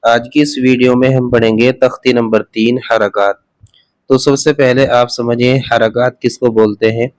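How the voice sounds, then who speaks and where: Man, Urdu accent, alphabet lesson teacher, clear smooth voice, dry close sound. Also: mid-range voice, little pitch movement, no room sound. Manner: drills each letter slowly, then corrects mistakes. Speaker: Quran reading teacher. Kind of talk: slow recited alphabet lesson.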